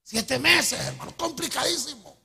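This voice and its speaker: A middle-aged man with a Honduran accent preaching a testimony sermon, telling his story in an animated way and calling his listeners brother. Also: very high voice, normal speed, vocal fry, breathy edge. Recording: echoey hall with long reverb.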